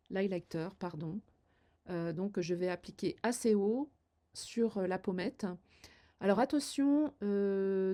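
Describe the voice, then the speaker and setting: Demonstrating her makeup routine as she talks, an older beauty vlogger uses a mellow, mid-range voice. She gives viewers friendly, uncertain-sounding advice filled with fillers.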